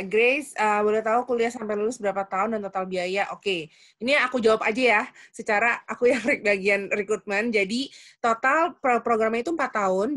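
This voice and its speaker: A woman's voice: mid-range voice, fairly bright tone, dry recording. A woman who moderates the webinar, reading out questions and explaining fees step by step. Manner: matter-of-fact, explains step by step. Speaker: webinar moderator and recruitment staff.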